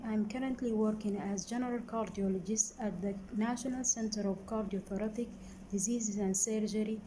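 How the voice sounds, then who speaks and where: A woman cardiologist from Sudan introduces herself carefully and earnestly. Her voice is mellow, with faint ambience behind her. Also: mid-range voice, slight background noise, low-quality recording. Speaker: general cardiologist. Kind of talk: self-introduction.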